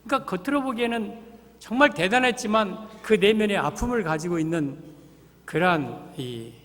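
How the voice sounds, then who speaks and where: A man with a high voice preaching a sermon, telling the story with animation and slipping into its characters as he goes. His words ring out through the long reverb of a church sanctuary. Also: expressive, normal speed, fairly bright tone. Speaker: senior pastor.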